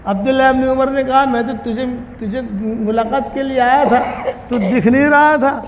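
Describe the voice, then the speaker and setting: A man preaching a storytelling sermon, animated, acting out the characters' dialogue as he tells the tale. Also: very high voice, a little hiss or hum. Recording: dull, muffled recording in a large reverberant hall.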